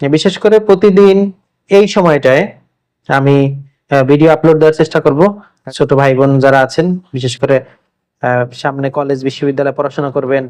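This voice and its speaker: A man from Bangladesh teaching English vocabulary in an informal lesson. He repeats each word's meaning and reads the example sentences slowly. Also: a little high, darkish tone.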